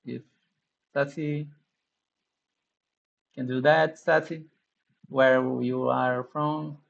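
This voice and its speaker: A man runs an online class over a video call, his voice slow and gravelly. He speaks English, restarting his sentences often. The call audio sounds muffled. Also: mid-range voice, little pitch movement. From Brazil. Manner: halting, many restarts and thank-yous. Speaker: instructor hosting a live class Q&A. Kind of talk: casual online class chat.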